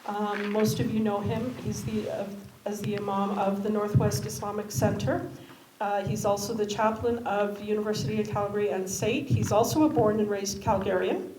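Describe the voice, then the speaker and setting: A woman's voice: medium pitch, steady tone, moderate pace. A woman moderating a community panel, speaking hesitantly with frequent fillers. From Canada. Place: community centre hall. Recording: echoey hall with background noise.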